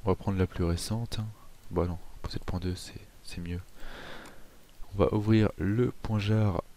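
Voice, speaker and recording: A man hosting a casual software tutorial, chatty with self-mocking asides and frequent hesitations. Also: low-pitched, steady tone, a little slow. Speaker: tutorial host.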